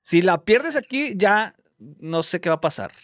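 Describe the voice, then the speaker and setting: Excitable Mexican man, high and lively. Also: no room sound, clean studio sound. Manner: excitable, teasing, rapid play-by-play. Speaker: streamer host calling followers. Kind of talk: lively live-stream phone game commentary.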